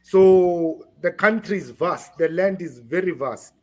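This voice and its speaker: A man from South Africa being interviewed on a podcast, speaking haltingly and repeating words while he searches for them. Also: sits high. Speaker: guest.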